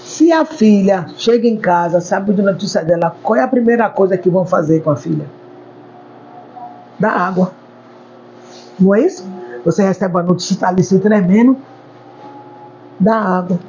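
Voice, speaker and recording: Warm-voiced woman telling stories. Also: medium pitch, normal speed, pauses often. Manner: lively storyteller, repeats words for emphasis. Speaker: hair stylist. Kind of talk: interview storytelling. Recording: dull lo-fi recording, faint background noise.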